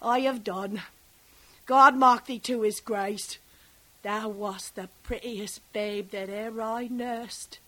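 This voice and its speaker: A woman's voice: on the high side, steady tone, slow, fairly bright tone, rough recording. A woman performing a classical stage monologue as a garrulous, fond old nurse who rambles and digresses. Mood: tender. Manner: rambling, digressive, breaks into laughter.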